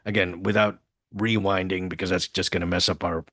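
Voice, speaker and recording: A man co-hosting a podcast, talking in an easygoing, halting way. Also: deep voice, flat delivery, fairly bright tone, no echo, studio quality. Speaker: podcast co-host. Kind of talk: casual reaction chat.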